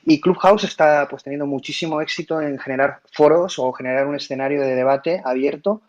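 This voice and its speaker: A man's voice: on the high side, fairly quick. Hesitant man hosting a talk room. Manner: hesitant, many fillers and restarts. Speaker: host of an online audio room. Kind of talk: casual explanatory talk. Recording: muffled audio-app sound.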